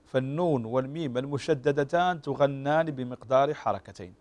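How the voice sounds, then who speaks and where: A man teaching Quran recitation rules on a TV program, slowly demonstrating how each word is pronounced. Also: medium pitch. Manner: slow, drawn-out demonstration of pronunciation; explains calmly with frequent fillers. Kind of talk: tajweed lesson on a TV show.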